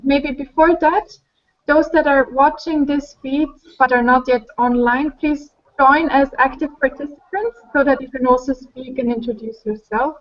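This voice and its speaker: High-voiced woman hosting a webinar. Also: fairly even intonation, normal speed. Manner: friendly and organized, calls on participants one by one. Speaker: webinar host. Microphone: video call. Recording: dull online call audio.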